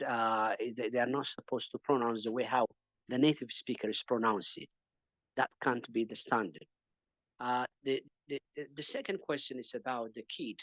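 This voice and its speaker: A man's voice: mid-range voice, a bit bright, no echo, dull audio. A man from Ethiopia answering questions as a panelist in an online teaching webinar, talking hesitantly with many fillers and repeated words.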